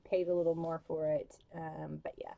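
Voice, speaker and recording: A woman's voice: sits low, little pitch movement, normal speed, gravelly, phone-quality sound. A young woman talking casually to camera about book covers, gushing, with lots of "like" and "um", with the hiccups. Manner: gushing, filler-heavy, with many "like" and "um". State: has the hiccups. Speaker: book vlogger.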